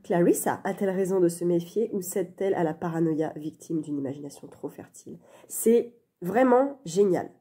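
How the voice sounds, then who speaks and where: A woman's voice: on the low side, normal speed, warm tone, husky. A woman chatting casually in a reading vlog, talking into her phone with many fillers and restarts. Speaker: book vlogger. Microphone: phone camera. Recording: phone on a stand, dim light.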